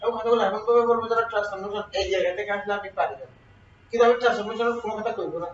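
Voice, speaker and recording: High-pitched male teacher, distant mic, dull lo-fi classroom lesson. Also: racing. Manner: asks the class questions and answers them himself. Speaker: exam prep teacher. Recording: roomy, distant, dull lo-fi sound with faint noise.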